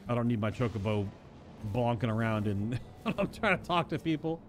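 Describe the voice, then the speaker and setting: A man of middle pitch streams a video game at a moderate pace, sounding expressive as he chats and reflects aloud on the unfolding story. Game music runs underneath his voice.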